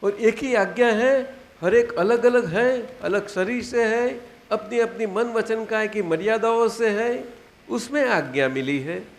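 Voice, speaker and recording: A man in his eighties with a Gujarati accent, giving an unhurried spiritual discourse to disciples, repeating phrases and checking that they understand. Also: sits high. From Gujarat, India. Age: 80s. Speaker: spiritual teacher. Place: satsang gathering hall.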